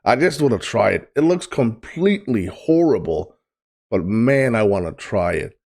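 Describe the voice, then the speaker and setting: Swedish dude reacting to a video, casual, blunt, kinda eager, pauses a lot. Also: male voice, on the low side, expressive, gravelly, a little mellow. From Sweden.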